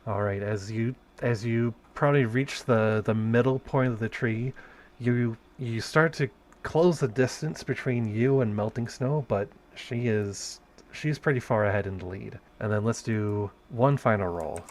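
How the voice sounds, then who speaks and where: A man's voice: medium pitch, a little slow, darkish tone. A man narrating a tabletop game as game master, hesitant, restarting phrases and counting dice aloud.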